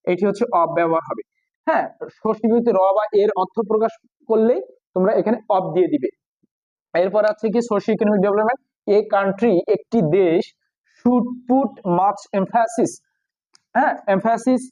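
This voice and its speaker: A man with a Bengali accent, a native Bengali speaker, teaching English grammar for exams, explaining each phrase slowly with many pauses. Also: high voice, a little mellow, no room sound, dull audio. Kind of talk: exam prep lesson.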